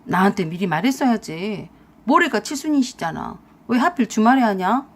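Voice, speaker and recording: A woman's voice: medium pitch, big pitch swings, moderate pace. A woman voicing a lazy, scheming husband who wheedles and defends himself in a radio-drama story reading. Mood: stubborn.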